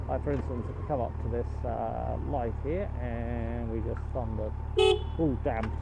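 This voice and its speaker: A man's voice: medium pitch, steady tone, normal speed, gravelly. A man chatting casually in a rambling, conversational way from inside a helmet as he rides a motorbike. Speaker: motorcycle vlogger. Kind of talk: casual chat while riding. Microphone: helmet microphone. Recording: dull helmet mic, loud motor and wind noise.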